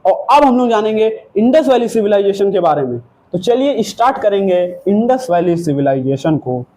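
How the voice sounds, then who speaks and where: A man's voice: sits high, sing-song, moderate pace, a little mellow. A male teacher giving an exam-prep history lesson, telling it as a story and asking and answering his own questions.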